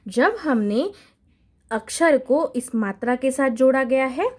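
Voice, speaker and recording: A young woman with an Indian accent, teaching a slow recorded Hindi lesson to young children with patient drawn-out syllable drills. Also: high voice, darkish tone. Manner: patient, drawn-out syllable drills, frequent "ठीक है?" check-ins. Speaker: primary school Hindi teacher.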